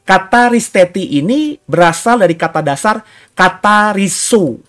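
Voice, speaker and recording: A man's voice: sits high, a bit bright. A man pastor preaching a sermon, reading scripture aloud and acting out the cries of the people in it. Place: church hall.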